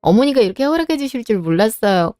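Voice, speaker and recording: A woman's voice: fairly high pitch, sing-song, fast, dark tone, no echo, clean studio sound. A woman narrating and acting as a worried housewife who anxiously pleads for her ill mother. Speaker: narrator and protagonist. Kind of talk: scripted drama narration.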